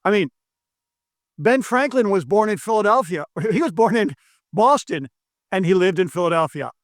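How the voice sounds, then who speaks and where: A US economist specializing in money presents a video lesson, making an earnest, persuasive pitch to camera in a room with brick and stone walls. His kinda high voice is expressive at a moderate pace, close-miked and dry with no echo. He's emphatic, circles back to the same point, repeats key claims, and stumbles over foreign names.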